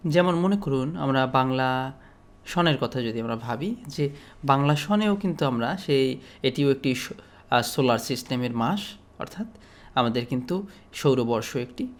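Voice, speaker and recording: Man explaining study tips in a lecture. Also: mid-range voice. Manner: steady, explanatory, with frequent pauses and fillers. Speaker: teacher.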